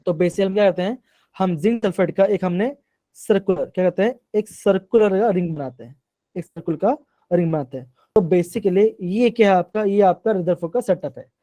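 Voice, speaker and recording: A man's voice: high voice, normal speed, mellow, dry recording. A man teaching a class live online, often asking questions and repeating them, mixing terms into his sentences.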